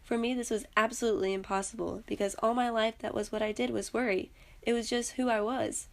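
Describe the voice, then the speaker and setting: A woman's voice: on the high side, little pitch movement, fairly quick, creaky. A young woman earnestly reading aloud a personal story she wrote as a student. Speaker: student narrator.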